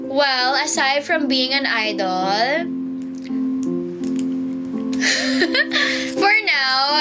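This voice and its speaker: A playful woman in her twenties with a Filipino accent, chatting casually on a livestream and answering viewer comments with jokes. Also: high voice. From Philippines. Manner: playful and joking, mixes Tagalog and English.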